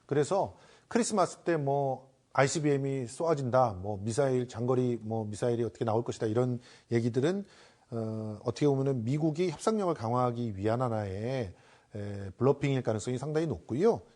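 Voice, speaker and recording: Mellow-voiced male political commentator. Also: medium pitch, fairly quick. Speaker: panel commentator. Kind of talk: political analysis in a panel discussion.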